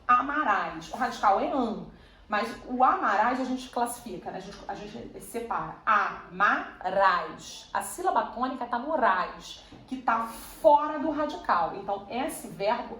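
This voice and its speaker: A woman's voice: a little high, lively intonation, normal speed, a bit bright. Woman teaching grammar in echoey room. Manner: patient, explanatory, repeats and checks with "tá?" and "né?". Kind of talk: grammar lesson. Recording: echoey room, faint ambient noise.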